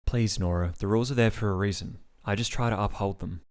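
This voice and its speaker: A man reading the part of a calm, rule-bound woman doctor in a storybook reading. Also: lowish voice, fast, lightly acted. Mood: placating.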